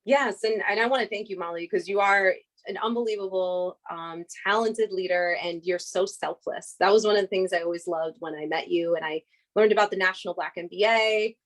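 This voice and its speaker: A woman's voice: mid-range voice, fairly quick, rough recording. A woman speaking as a guest on a podcast, enthusiastic and conversational, often repeating words and restarting. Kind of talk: conversational interview.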